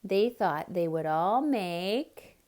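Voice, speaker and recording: Reading slowly in a lowish voice, a woman brings a picture book to life for young children. Her storytelling is dramatic and expressive, broken up by asides that explain things.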